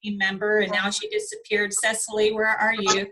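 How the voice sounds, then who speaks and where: A woman's voice: mid-range voice, little pitch movement, normal speed, pushed and bright, rough recording. A woman leading a team meeting over a video call, friendly and loose, drifting into small asides. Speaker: team leader hosting the meeting.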